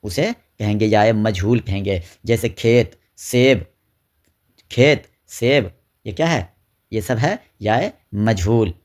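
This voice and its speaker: A man's voice: on the low side, animated, darkish tone. Man, grammar teacher, exam-prep lesson, repeats terms, rhetorical questions. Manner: draws out example words slowly.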